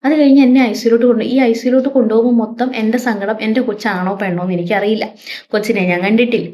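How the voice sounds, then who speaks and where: A woman's voice: a little high, fairly even intonation, fast talker, mellow, slight background noise. A young woman vlogger telling a personal story in a heartfelt, emotional way, repeating her words as she goes. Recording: dull lo-fi recording.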